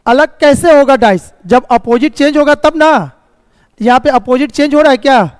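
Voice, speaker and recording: A man's voice: extremely high pitch, dry recording, in a large hall. A man teaching a reasoning class live, explaining step by step, checking often if students follow, and sometimes scolding them about the course. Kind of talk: live online class lecture.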